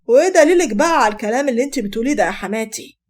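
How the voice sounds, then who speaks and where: Storybook figure: a woman doing a betrayed Egyptian husband, curt and bitter, high and fast-spoken. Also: animated. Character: wronged young husband, bitter and firm.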